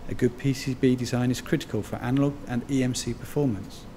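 A man reading a scripted corporate voice-over in a measured, even delivery. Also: mid-range voice, slight background noise. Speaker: company narrator.

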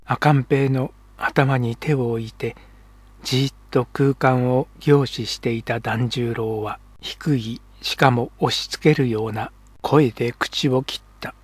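A man narrating historical fiction as an audiobook reader, in a calm, measured way. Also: medium pitch, husky, no room sound.

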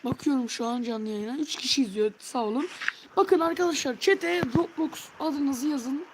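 A woman's voice: high voice, moderate pace. A young Turkish woman streaming a horror game live, jumpy and yelping in fright as she talks to her chat. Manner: jumpy, yelps and shrieks in fright. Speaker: livestreamer. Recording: loud background noise.

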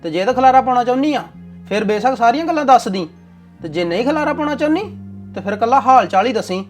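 A man's voice: very high voice, animated, fast, soft background music. A young man with a Punjabi accent acting a bossy, commanding husband in a domestic drama. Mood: stern.

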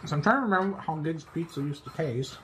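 A man's voice: on the high side, animated. A man, talking with his mouth full behind his hand as he rambles through a casual pizza review at home. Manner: rambling, halting with fillers. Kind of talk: casual food review vlog. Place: home kitchen. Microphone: phone camera. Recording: noisy home recording.

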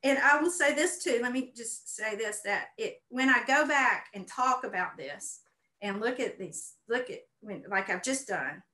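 A bright-voiced woman, a painter and art teacher, speaks as a guest over a video call from an echoey room at home. Her voice is on the high side with lively intonation and a measured pace as she gives conversational personal testimony, the audio roomy and reverberant.

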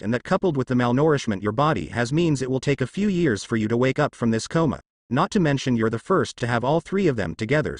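A man voicing a calm, kindly goddess of light explaining things gently in a storybook reading. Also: medium pitch, dry recording, studio quality.

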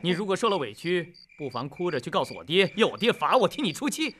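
A bright-voiced, taunting rich brat in a wuxia film, lively pitch. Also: male voice, fast, slight background noise. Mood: sneering. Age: young adult. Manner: sneering and taunting. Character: arrogant rich young master, mocking. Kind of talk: dubbed wuxia film acting.

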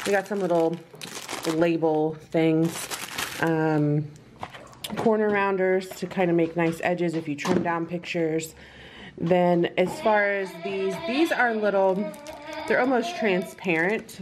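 Woman vlogger, thirties, lowish voice, rambling home chat, noisy background. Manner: chatty, rambling, practical. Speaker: family vlogger. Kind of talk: casual home vlog, showing cooking and a craft haul. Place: home kitchen and dining table.

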